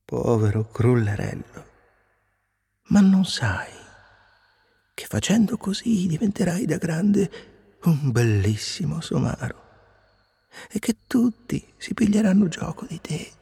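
The Talking Cricket, slow and grave, as a man puts it on. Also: on the high side, creaky, breathy edge, big-room sound, voice pushed up, heavily acted. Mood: patient. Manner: slow, calm, grave and preachy. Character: patient, wise old cricket, over a hundred years old. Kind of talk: storybook reading.

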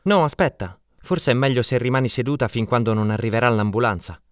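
A man voicing a calm, attentive young stranger who helps after an accident in a storybook reading. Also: mid-range voice, brisk, dry recording, natural voice. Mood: urgent.

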